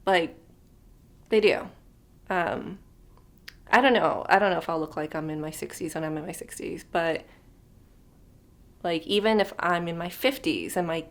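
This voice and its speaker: Speaking at a normal speed with long pauses, a woman with a lowish voice vlogs to camera without a script. She's in her thirties, rambling and thinking aloud with lots of fillers, at times dropping to a near whisper.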